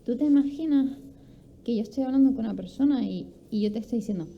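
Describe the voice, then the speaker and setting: Woman with a gravelly voice, instructive talk. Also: fairly high pitch, quick pace. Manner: explanatory, poses rhetorical questions and acts out examples. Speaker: speaker at a sports conference. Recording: dull lo-fi recording with faint ambience.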